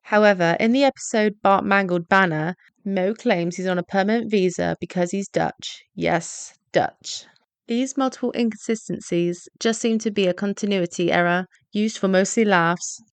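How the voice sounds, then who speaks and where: A woman narrates a scripted video essay in a measured, explanatory manner. Her pitch sits in the middle. The recording is close and dry, with no room sound. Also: fairly even intonation, clean tone, no echo.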